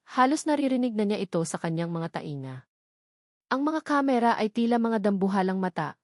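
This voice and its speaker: A woman with a Filipino accent narrates a scripted, dramatic story. Her voice is mid-range and a little mellow. The recording is dry and studio quality.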